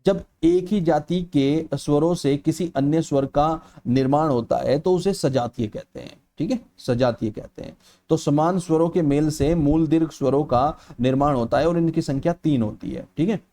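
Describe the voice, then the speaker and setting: This man's voice is a little high and mellow, and he speaks at a moderate pace. Lecturing students for an exam, he explains patiently, repeats "ठीक है" often, and draws out vowels to demonstrate their sound.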